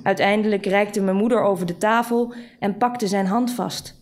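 A woman reading a literary short story aloud in a measured, dry storytelling manner. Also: mid-range voice, fairly even intonation, a little mellow. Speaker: reader.

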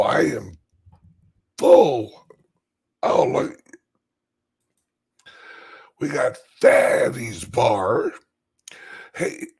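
Slow man with a scratchy smoker's rasp. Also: lowish voice. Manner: rambling, halting delivery, addressing viewers. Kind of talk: casual live chat.

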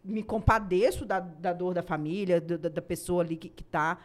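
A woman's voice: fairly low pitch, fairly even intonation. Earnest Brazilian woman reporter. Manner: earnest, halting with repeated words. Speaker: reporter, podcast guest. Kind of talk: casual podcast conversation.

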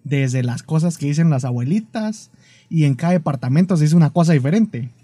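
Playful Guatemalan man, dark tone. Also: fairly high pitch, expressive, brisk, dry recording. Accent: Guatemalan Spanish. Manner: playful, laughs often. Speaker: podcast co-host. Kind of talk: casual podcast chat.

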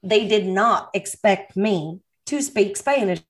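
A woman guest on a podcast, telling animated anecdotes in casual chat. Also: medium pitch, slow.

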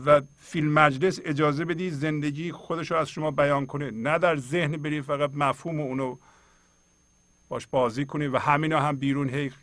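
Man, middle-aged, spiritual teaching host, earnest and exhorting, fairly high voice, dry sound. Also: a bit bright, no room sound. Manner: earnest, exhorting, speaks straight to listeners; colloquial, reads and explains verses.

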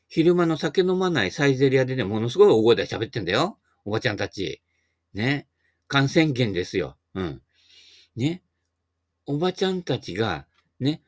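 Middle-aged male host, folksy and rambling, lively swooping delivery, dry close mic. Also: medium pitch, no echo. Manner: rambling and folksy, dropping jokes and asides. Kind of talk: casual monologue.

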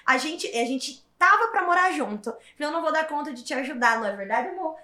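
Woman, interview guest, emphatic and animated, echoey room. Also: sits high, fast. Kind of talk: casual interview storytelling. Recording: roomy echo.

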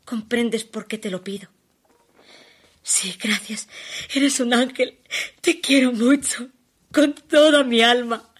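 Stage monologue: actress as a desperate abandoned woman pleading by phone, emotional and halting, high-ish voice. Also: husky. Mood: tender. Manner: emotional, halting, shifting between hushed pleas and urgent outbursts. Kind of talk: theatrical monologue.

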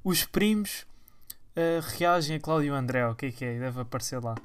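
A man's voice: medium pitch, expressive, normal speed, clear, resonant tone. A young man with a European Portuguese accent, rambling in a slangy, mocking casual vlog monologue. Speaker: vlogger.

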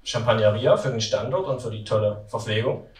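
A man's voice: fairly low pitch, brisk. A man hosting a live event, speaking casually and hesitantly with many fillers. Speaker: event host. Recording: echoey room, from far off, faint noise.

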